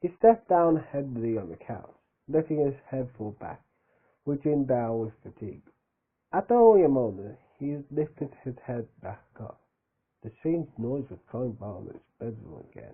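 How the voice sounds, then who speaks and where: Slow man reading a story, phone-like audio. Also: medium pitch, breathy edge. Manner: slow, stumbling reading with joking asides. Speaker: reader of fan fiction.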